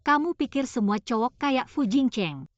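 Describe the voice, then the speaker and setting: A young actress dubbing a cool, sharp-tongued heroine in a short drama, cutting and composed. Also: female voice, high voice, animated, normal speed, dry recording, muffled recording. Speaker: dub actress.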